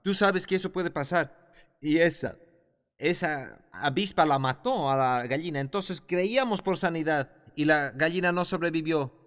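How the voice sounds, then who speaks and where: A man's voice: on the high side, animated, normal speed, fairly bright tone. A man teaching a Bible class in a sermon style, emphatic and repeating his key phrases. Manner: emphatic, repeats phrases, rising when stressing points. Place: church or classroom hall. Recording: echoey hall reverb.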